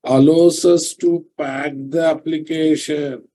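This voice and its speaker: A man's voice: on the high side, steady tone, slow, warm tone. A middle-aged man with a Telugu Indian accent lecturing in a live online programming class, dictating notes and repeating phrases as he goes. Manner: repeats phrases while dictating, quizzes listeners. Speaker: programming instructor. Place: indoors, online class from a computer.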